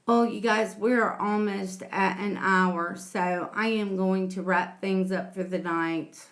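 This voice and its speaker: A woman talks slowly and warmly to her viewers on a livestream, reading their names out one by one. Her voice sits at an ordinary middle pitch, and she takes her time with every word. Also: steady tone. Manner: slow, homey, calls viewers sweetie and honey. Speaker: livestream host reading chat. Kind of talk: casual livestream chat.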